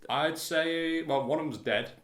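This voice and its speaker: A man's voice: fairly high pitch, unhurried, background noise. A man co-hosting a podcast in casual chat, rambling, stumbling over words and laughing often. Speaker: podcast co-host. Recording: roomy echo.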